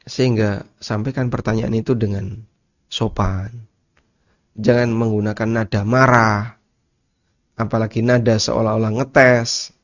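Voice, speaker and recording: A man's voice: on the low side, little pitch movement. Male teacher at a study session; patient, repetitive explaining, dull recording. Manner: explains slowly, repeats key terms, asks listeners rhetorical questions. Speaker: Islamic teacher. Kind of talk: religious study lecture.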